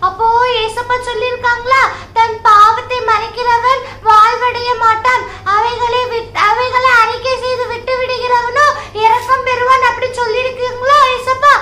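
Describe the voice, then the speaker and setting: A very high, bright little-girl voice, put on for a children's Sunday school skit, chatty, cheeky and whiny. It rings in an echoey room with faint hiss behind it. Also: little pitch movement, moderate pace, exaggerated voice. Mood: remorseful.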